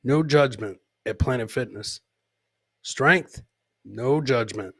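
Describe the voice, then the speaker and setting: A slow-talking man with a mid-range, slightly breathy voice hosts a live comedy podcast. He cracks jokes over clips, mimics the people in them, and repeats his phrases for effect.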